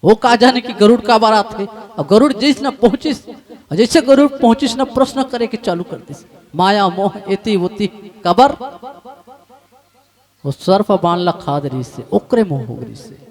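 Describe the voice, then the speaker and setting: High-voiced Chhattisgarhi preacher. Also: male voice, expressive, normal speed, darkish tone. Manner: emotional, rising to impassioned outcries. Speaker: Ramayana preacher. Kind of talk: devotional sermon in story form.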